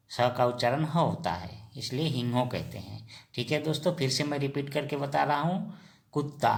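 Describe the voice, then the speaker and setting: A man teaching vocabulary in Hindi, repeating each word slowly and asking and answering his own questions as he addresses viewers as friends. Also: medium pitch, creaky. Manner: slow and repetitive, drills each word. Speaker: language teacher.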